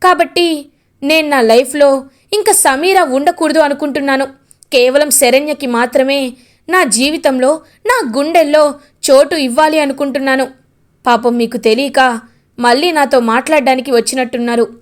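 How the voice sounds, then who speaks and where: A woman voicing an earnest young man speaking calmly and sincerely. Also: sits high, moderate pace, lightly acted. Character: earnest young man declaring new love.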